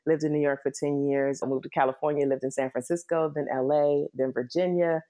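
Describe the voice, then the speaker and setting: A woman's voice: sits low, fairly even intonation, brisk, warm tone. A middle-aged American woman with a Washington, DC accent, telling her own story conversationally as an interview guest. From Washington, DC, United States. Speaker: interview guest, nonprofit executive.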